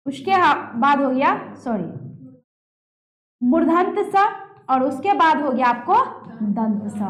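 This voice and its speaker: Very high-voiced woman teaching pronunciation. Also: a bit bright. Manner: demonstrates sounds and quizzes students. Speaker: Hindi grammar teacher. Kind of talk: classroom lesson on pronunciation.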